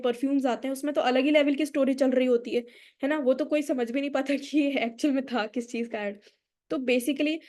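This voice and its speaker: Pitched high and mellow, this Indian woman with a neutral accent runs a public speaking workshop. Her lecture is explanatory, blending English into Hindi while she quizzes the audience.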